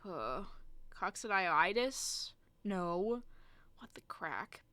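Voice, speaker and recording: A woman's voice: mid-range voice, unhurried, fairly bright tone, clear, resonant tone, no room sound. A young woman presenting a casual study video, joking at herself as she stumbles over hard medical words.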